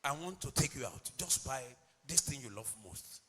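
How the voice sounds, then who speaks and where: A male pastor preaching a sermon emphatically, swinging between loud declarations and low asides. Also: very animated, normal speed, slightly rough, big-room sound.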